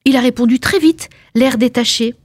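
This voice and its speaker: A woman's voice: fairly high pitch, normal speed, darkish tone, breathy edge, dry recording. A woman in her fifties performing a reading of her own story, playful and ironic, often correcting herself.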